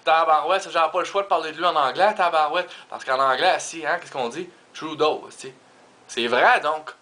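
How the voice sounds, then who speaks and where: Rambling Québécois comic, bright tense voice. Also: male voice, on the high side, moderate pace. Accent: Québécois French. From Quebec. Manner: rambling, full of Quebec swear fillers, mixes in English words. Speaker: stand-up comedian. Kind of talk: comic monologue.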